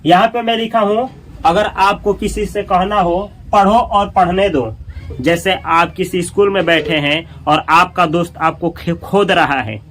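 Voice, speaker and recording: A man's voice: high-pitched, bright, forceful tone. A man teaching an English lesson, who explains step by step, spells words out letter by letter and repeats each phrase.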